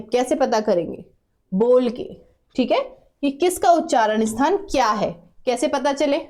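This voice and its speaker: A woman with a high-pitched, darkish voice and an Uttarakhand Hindi accent teaches a classroom grammar lesson. She's patient, repeating sounds and asking students to say them aloud.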